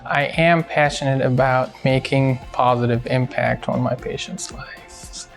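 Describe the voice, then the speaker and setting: A man from Syria, a cardiologist speaking in a hospital profile interview, measured and halting with many fillers. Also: medium pitch, fairly even intonation, vocal fry, faint music behind.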